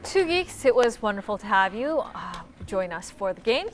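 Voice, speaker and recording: A woman with a medium-pitched voice hosts a quiz show. She switches between scripted lines and chat with the contestants, with music clearly behind her. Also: very animated, moderate pace, over a noisy crowd. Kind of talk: game show hosting, partly scripted.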